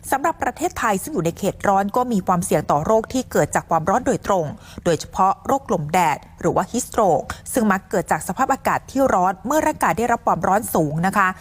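ผู้หญิงรายงานข่าวตามบทด้วยน้ำเสียงผู้ประกาศที่สุภาพและเป็นทางการ. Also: female voice, mid-range voice. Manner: formal, polite announcer delivery. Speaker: news presenter. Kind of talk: scripted news narration.

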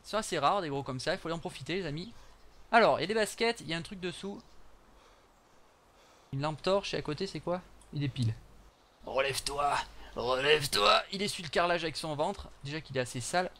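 A man's voice: a little high, quick pace, fairly bright tone. A young man chatting through his gameplay for viewers, with joking asides. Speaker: gaming channel host. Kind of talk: live gameplay commentary.

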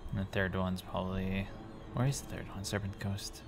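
A man's voice: deep voice, steady tone, moderate pace, music in the background. A man giving rambling gameplay commentary, thinking aloud and correcting himself as he goes. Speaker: gaming commentator.

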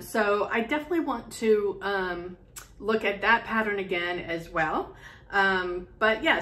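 A middle-aged woman vlogs from her sewing room, talking loosely to a front-facing camera in a medium-close shot. Her voice is medium in pitch and a bit bright, and she wanders through her thoughts with frequent ums and false starts.

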